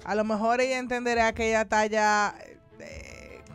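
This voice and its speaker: A woman's voice: fairly high pitch, fairly even intonation, normal speed, faint music behind. A woman co-host, throwing in playful, teasing comments during casual radio chat. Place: radio studio.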